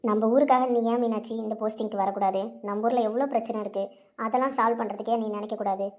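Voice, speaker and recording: Woman doing a pushy young friend, urging, fast and a little high. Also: steady tone, natural voice. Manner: urging, persuasive.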